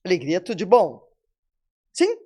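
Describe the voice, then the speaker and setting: A woman's voice: on the low side, huge pitch swings, moderate pace, dark tone, slightly rough. A woman in her seventies with a Brazilian accent, a podcast guest giving a motivational talk and addressing listeners directly. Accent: Brazilian Portuguese. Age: 70s.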